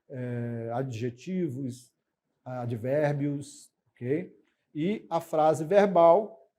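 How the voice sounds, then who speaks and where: Brazilian male teacher, fairly high mellow voice, patient explainer who pauses on fillers and checks in with "ok?". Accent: Brazilian Portuguese. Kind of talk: recorded classroom lesson.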